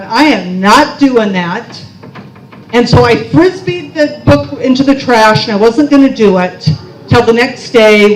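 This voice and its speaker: A woman's voice: mid-range voice, darkish tone, a little hiss or hum. Chatty woman telling a story in an echoey hall. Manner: chatty, self-mocking, tags lines with "okay?". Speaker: conference speaker. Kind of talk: personal storytelling talk. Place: large conference hall. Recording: roomy hall echo.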